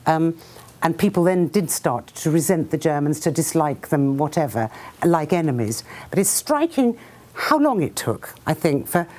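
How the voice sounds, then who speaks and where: A woman author who reads her book aloud to a live audience, then talks to them about it as a lively storyteller who acts out sounds and voices. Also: low-pitched, moderate pace. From Britain. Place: talk before a live audience.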